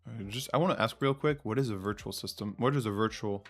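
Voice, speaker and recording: This man from France speaks with a French accent, French being his first language, while hosting a relaxed live quiz stream and musing aloud to his viewers. He talks fast, his voice on the low side and a bit bright, over faint background music.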